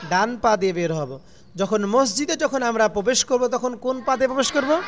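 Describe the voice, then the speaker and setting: A man's voice: very high voice, expressive, normal speed. A man teaching children a religious lesson, asking questions and answering them himself in a falling tone, call-and-response style.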